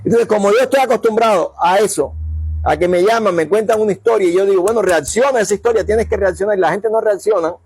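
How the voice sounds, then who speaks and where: A man's voice: high voice, fast, slightly rough, dry recording. A man preaching a sermon, telling stories and acting out the dialogue. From Cuba. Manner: animated storyteller acting out dialogue. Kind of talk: sermon storytelling.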